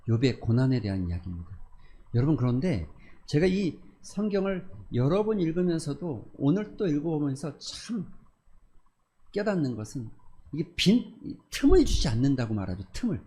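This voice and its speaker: A male pastor preaching in a church sanctuary. He speaks with a lively, wide-ranging pitch and stresses key phrases through repetition. He often asks the congregation questions, and his voice sits slightly high for a man. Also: moderate pace. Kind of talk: sermon.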